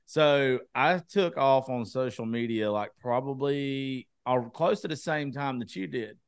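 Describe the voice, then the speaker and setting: A man's voice: mid-range voice, measured pace, clean tone, no room sound, clean studio sound. A man in his thirties with a Southern American accent, chatting casually in a crude, blunt, profane way. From Eastman, Georgia, USA. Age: 30s. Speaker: podcast co-host, radio personality. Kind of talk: casual chat.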